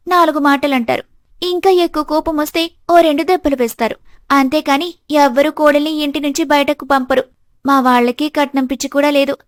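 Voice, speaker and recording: Woman doing a sneering cartoon sister-in-law, spiteful and gloating, higher voice, dry close mic. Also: dry recording, natural voice. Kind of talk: animated storybook voice acting.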